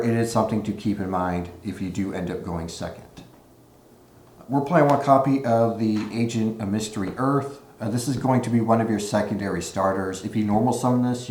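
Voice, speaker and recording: A man giving a casual card game deck walkthrough with relaxed, explanatory talk, recorded in low-quality audio without his usual mic. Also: a little hiss or hum. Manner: relaxed, explanatory, frequent "uh" fillers. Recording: echoey room on a makeshift mic.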